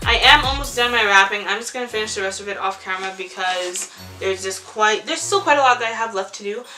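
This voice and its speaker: A woman's voice: medium pitch, fast, sharp tone. A seventeen-year-old girl vlogging to camera in casual chat, rambling and saying "like" a lot. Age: teens. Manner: chatty, rambling, lots of "like" and "ew". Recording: music playing under the voice.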